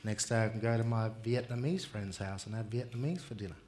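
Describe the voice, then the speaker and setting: A middle-aged Australian man speaking at a conference in a large indoor hall, unhurried and plain-spoken with many fillers, on a headset mic. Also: lowish voice, darkish tone, a little hiss or hum. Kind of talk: relaxed conference talk.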